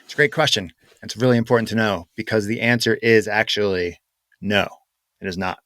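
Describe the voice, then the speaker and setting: A man co-hosting a podcast, talking casually and explaining things with many fillers and pauses. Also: on the low side, a bit bright, dry recording, studio quality. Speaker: podcast co-host. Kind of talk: casual chat.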